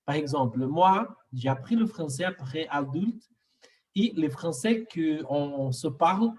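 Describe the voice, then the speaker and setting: A man with a Latin accent who learned the language as an adult, talking in a halting, casual way with many fillers. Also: on the high side, expressive, darkish tone. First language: Spanish or another Latin language. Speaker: student and conversation partner. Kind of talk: casual conversation. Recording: voice a bit far from the mic.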